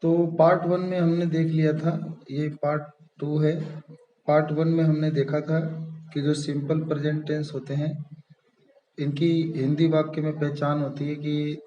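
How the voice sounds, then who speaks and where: Male tutor, dark mellow tone, patient repetitive delivery, echoey slightly dull recording. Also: a little high, flat delivery, normal speed. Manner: patient, repeats key terms, frequent "ठीक है" checks. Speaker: English grammar teacher. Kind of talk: step-by-step classroom explanation.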